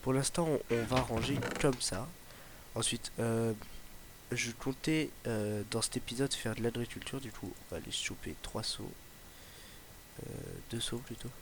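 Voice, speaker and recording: Over a noisy home microphone, a young man with a faint Ardèche accent gives relaxed Let's Play commentary on his gameplay. He's a gaming YouTuber who wanders off-topic, full of fillers and false starts, his mid-range voice steady and unhurried.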